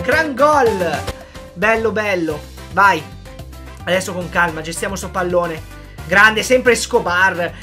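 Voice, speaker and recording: Excitable woman commentating gameplay. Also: medium pitch. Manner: excitable, yelling at goals, chatty asides to viewers. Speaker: gaming video creator.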